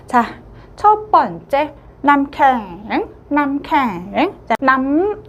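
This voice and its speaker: High-voiced woman teaching a language lesson. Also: lo-fi sound, a little hiss or hum. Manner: slow, drawn-out modelling of words, frequent "자".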